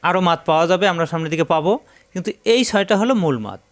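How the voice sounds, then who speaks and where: High-voiced guy teaching quran reading, slow and patient, says every rule again and again. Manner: patient and repetitive, drilling rules and letter sounds. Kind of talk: step-by-step tajweed lesson.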